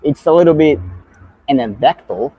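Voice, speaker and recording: A man's voice: a little high, lively intonation, normal speed, husky, lo-fi sound. A man from Brazil with a Brazilian accent, a native Portuguese speaker learning English, chatting hesitantly in a casual lesson. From Salvador, Brazil.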